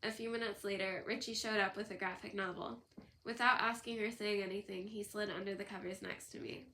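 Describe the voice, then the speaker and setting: A woman narrating an audiobook in a steady storytelling read, her pitch in an ordinary middle range. Her tone is bright and forward. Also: fairly quick, a little hiss or hum. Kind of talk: scripted narration.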